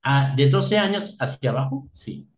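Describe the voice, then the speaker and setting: A man's voice: mid-range voice, animated, unhurried. A man gives a personal testimony in an interview, talking hesitantly with many filler words. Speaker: guest giving a testimony. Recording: echoey room with faint noise.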